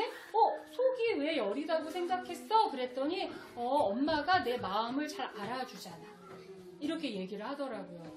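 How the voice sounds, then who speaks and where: A woman giving a parenting lecture to adoptive parents. She acts out the lines of parents and children and laughs often. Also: high-pitched. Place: lecture hall with audience. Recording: echoey hall with audience.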